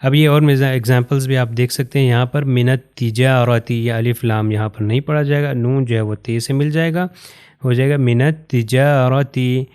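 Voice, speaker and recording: A man from Pakistan, teaching Quran recitation patiently and step by step, pointing to written examples and slowing down to recite phrases carefully. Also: medium pitch, fairly even intonation, darkish tone, smooth. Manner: slows down to recite Arabic phrases with care. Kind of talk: recorded lesson explaining to learners.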